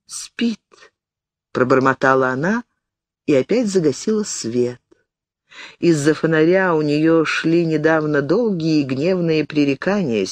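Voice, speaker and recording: Woman narrator, literary audiobook, lively intonation, dry studio voice. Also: low voice, no room sound.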